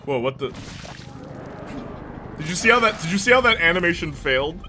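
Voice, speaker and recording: A chatty male streamer jokes with viewers and laughs often while he plays. He speaks fairly quickly in a slightly high, animated voice with a sharp tone, and background hiss is noticeable.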